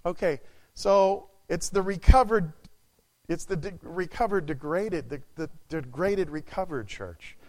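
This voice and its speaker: A man preaching a sermon to a church, swinging from quiet asides to loud exclamations. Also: on the high side, unhurried.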